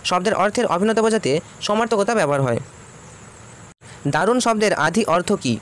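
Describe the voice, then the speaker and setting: A man's voice: sits high, animated, brisk, fairly bright tone, slight background noise. A man, teaching by reading out exam questions and repeating each answer.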